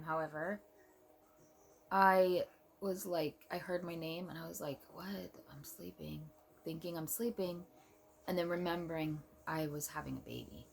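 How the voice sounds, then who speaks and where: A young woman vlogger telling a personal story in an earnest, emotional way, with soft pauses. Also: low voice, a little hiss or hum.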